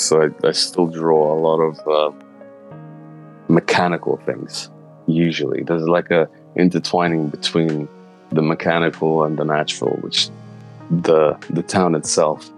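A man, answering interview questions in a thoughtful, halting way. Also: extremely low pitch, low-quality recording. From Slovenia. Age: 30s. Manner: thoughtful, halting, searching for words. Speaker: interviewee, illustrator.

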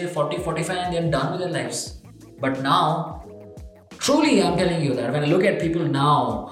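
A man telling a travel story in a casual monologue, enthusiastic and emphatic, with lots of fillers. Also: a little high. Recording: very echoey room.

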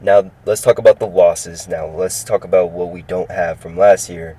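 A low, mellow male voice keeps a steady tone at a moderate pace, with a little hiss or hum on a low-quality recording. The young Californian, in his twenties, hosts a laid-back solo sports podcast, upbeat and rambling, repeating himself often.

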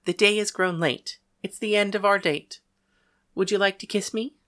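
Storybook: tender teenage girl, put on by a male reader, soft and soothing, bright tone. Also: high voice, steady tone, normal speed, voice pushed up. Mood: playful. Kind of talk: audiobook reading.

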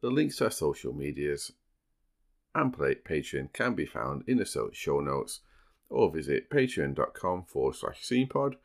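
A man with a very low, gravelly voice tells true crime stories as a podcast host. His pitch moves around in a lively way, and he slips into dry, teasing banter between the scene-setting. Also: moderate pace.

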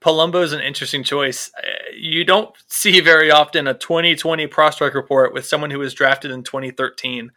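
A man's voice: a little high, fairly even intonation, a little fast, hardly any pauses, sharp tone. A man hosting a casual sports podcast, talking loosely with plenty of fillers and restarts. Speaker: podcast host.

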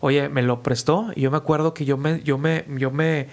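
A man, speaking a touch higher than most men. He tells his stories loosely and with energy, drops slang, and slips into the voices of the people he quotes. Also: fairly even intonation, moderate pace. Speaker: guest musician. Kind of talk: casual storytelling.

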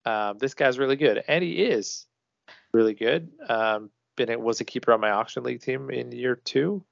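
A man's voice: medium pitch, normal speed, creaky, no echo. A man co-hosting a casual sports podcast, talking loosely with swearing and restarts. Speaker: podcast co-host. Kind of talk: casual hockey podcast chat. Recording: dull lo-fi dry sound.

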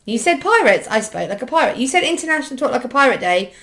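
A woman's voice: high voice, very animated, fast, fairly bright tone. A woman co-hosting a casual history podcast, talking hesitantly with many ums and restarts. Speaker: podcast co-host.

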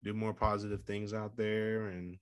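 Rambling, low-voiced male podcast host. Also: level tone, normal speed, smooth, dry recording, clean studio sound. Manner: rambling, playful and self-promoting; motivational life advice. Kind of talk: casual solo podcast monologue.

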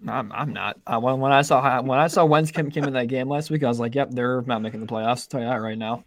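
Young man, casual podcast co-host, rambling with restarts, mid pitch, dry close mic. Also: fast, dry recording. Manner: rambling, self-interrupting, frequent restarts and swearing. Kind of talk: casual sports betting chat.

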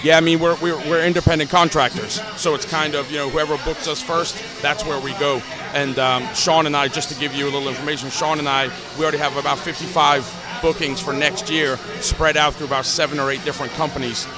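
A man's voice: a little high, little pitch movement, brisk, hardly any pauses. A man from Newcastle, England, a professional wrestler, answering interview questions casually with many fillers. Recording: loud music and crowd behind.

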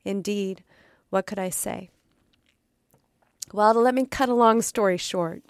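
A woman hosts a podcast and reads a dark story aloud with dramatic delivery, stumbling now and then. Her voice is smooth yet gravelly, recorded close and dry. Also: medium pitch, a little slow, no room sound. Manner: dramatic reading with occasional stumbles and asides. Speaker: podcast host. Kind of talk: storytelling reading.

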